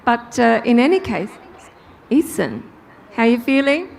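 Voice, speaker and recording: Woman, trackside grid reporter, fairly high voice, outdoors, faint noise behind. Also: big pitch swings, measured pace, creaky, a little mellow. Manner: chatty, upbeat, talks over the crowd. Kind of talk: live trackside interviews.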